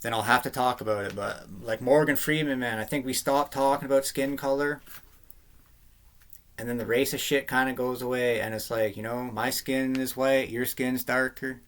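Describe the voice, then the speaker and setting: A man's voice: mid-range voice, fairly even intonation, moderate pace, a bit bright. A man in a rambling, heated, slangy rant to camera, often saying man and dude. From Canada. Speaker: vlogger.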